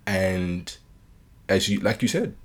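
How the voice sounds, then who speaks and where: Podcast co-host, British man, very low voice, curious and probing. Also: sing-song, takes it slowly. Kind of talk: casual chat.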